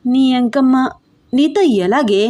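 A woman's voice: sits high, unhurried, warm tone. A woman voicing a playful, teasing young husband in an audio story, with cheeky, bossy banter. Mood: scheming.

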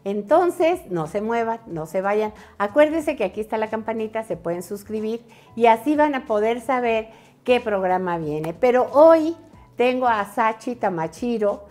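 A woman's voice: a little high, lively intonation, a little slow, darkish tone, soft background music. A woman hosting a show, introducing her guest in an enthusiastic, chatty way. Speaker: host. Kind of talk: casual chat.

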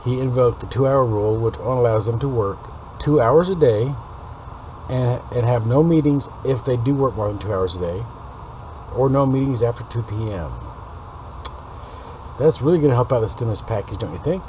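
A man in his late forties with a raspy smoker's voice, giving a casual, rambling update to viewers through a webcam. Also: mid-range voice, animated, normal speed, warm tone. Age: late 40s. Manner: rambling, informal. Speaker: video host. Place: unfinished basement room. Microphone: webcam or laptop mic at desk distance. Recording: noisy webcam recording with background hum.

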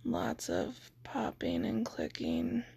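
A woman with a hoarse, scratchy throat talking in a tired, mostly whispered voice in a casual video diary. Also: fairly high pitch, wildly swooping pitch, takes it slowly, mellow. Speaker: vlogger recovering from surgery.

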